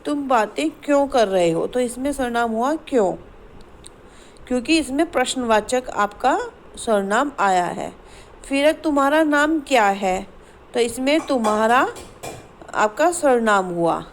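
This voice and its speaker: A woman teacher explaining a grammar exercise to schoolchildren, asking the class questions and reading example sentences slowly. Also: a little high, lively intonation, a little hiss or hum, poor audio. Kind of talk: Hindi grammar lesson to schoolchildren.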